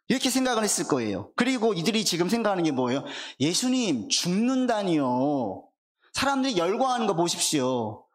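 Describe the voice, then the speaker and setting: A man, a pastor, preaching a Sunday sermon. He poses questions to the congregation, answers them himself, and reads scripture aloud slowly. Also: high-pitched. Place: church sanctuary.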